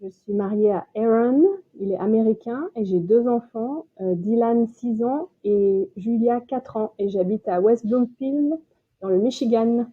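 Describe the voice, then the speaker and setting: A French woman from France in her late thirties is a podcast guest in a casual interview chat, talking with lots of fillers and restarts and laughing easily. Her voice is a little high, unhurried, and husky, heard over a tinny, phone-like line.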